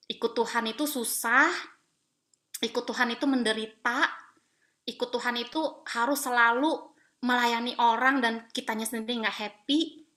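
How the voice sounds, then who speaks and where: A woman pastor from Palembang, Sumatra, preaching to mothers in a chatty, animated way and dropping English phrases into her talk. Her voice sits a little high with a bright, forceful edge. She laughs readily as she goes. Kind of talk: women's Bible talk sermon.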